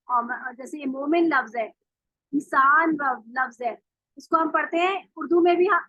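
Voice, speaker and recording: Woman, recitation teacher, high bright voice, dull dry call audio. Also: dry recording. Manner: patient, explains then models sounds slowly. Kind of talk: online tajweed class.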